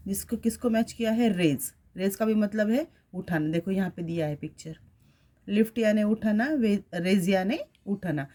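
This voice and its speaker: Woman, teacher, classroom lesson, spells words letter by letter, mid-pitched voice. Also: mellow. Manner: spells words letter by letter, mixes Hindi and English. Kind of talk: classroom lesson explaining a workbook.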